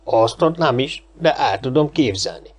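A man's voice: mid-range voice, lively intonation, lightly acted. A man voicing a chatty, boastful homeless man in an audiobook, rambling and gossipy. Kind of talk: audiobook character reading.

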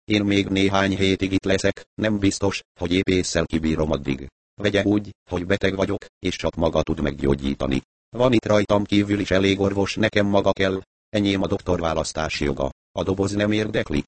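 A man narrating a novel as an audiobook reader, in a calm, steady storytelling manner. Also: sits low, no echo. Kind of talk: scripted narration.

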